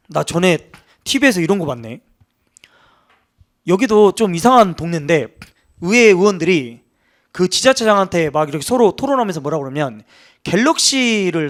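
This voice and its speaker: A man teaching law for exam prep, talking casually and acting out quoted officials in rough, joking banter. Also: sits high. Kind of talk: lively lecture with acted anecdotes.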